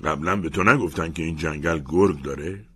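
Brief: man reading as a gruff old commander, husky, low, slow mocking taunts, storybook. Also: sharp tone, full character voice. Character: teasing gruff older male commander.

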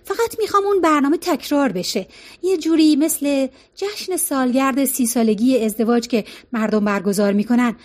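An insistent middle-aged woman who has just lost her husband, as a female audiobook reader puts her on. She pleads and persuades in a high voice, sure she will get her way. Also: darkish tone, close to an everyday voice. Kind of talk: audiobook character reading.

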